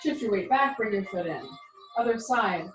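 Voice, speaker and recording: A woman's voice: mid-range voice, expressive, moderate pace. A woman leading a tai chi class, giving spoken movement cues in an encouraging, reassuring and informal way. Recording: roomy echo, music behind.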